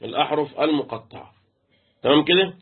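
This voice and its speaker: This man's pitch sits fairly high, his tone is husky and expressive, and he moves at a fairly quick clip. Speaking with an Egyptian accent over a thin, phone-like line, he teaches Quran recitation rules interactively, chanting letters and testing his students.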